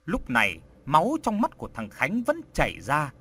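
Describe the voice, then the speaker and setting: A man narrating a ghost story in an expressive, dramatic way. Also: fairly high pitch, moderate pace, very noisy. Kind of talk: audiobook horror story narration.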